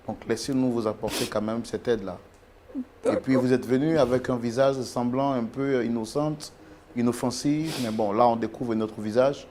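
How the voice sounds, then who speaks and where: A man playing a mediator who calmly and formally tries to settle a couple's quarrel, speaking. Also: mid-range voice, slight background noise, natural voice. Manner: calm, formal, measured. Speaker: mediator on a couple-counseling show.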